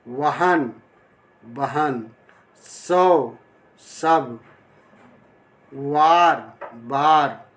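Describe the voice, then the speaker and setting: A man teaching a spelling lesson, slowly listing example words one by one. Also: on the high side, a bit bright. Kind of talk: slow Hindi spelling lesson.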